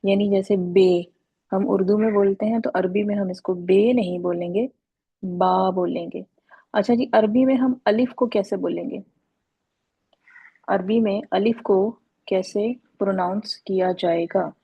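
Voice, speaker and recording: A woman's voice: mid-range voice, fairly even intonation, moderate pace, husky, no room sound, highs cut off. A woman teaching an Arabic grammar lesson online over a video call, patiently calling on students by name.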